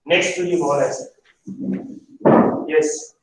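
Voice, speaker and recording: Stern instructor in echoey room. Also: male voice, a little high, slow pace, recorded from a distance, a little hiss or hum. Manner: stern, repetitive, pressing students for answers. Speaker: hotel management instructor. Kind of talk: classroom teaching with questioning.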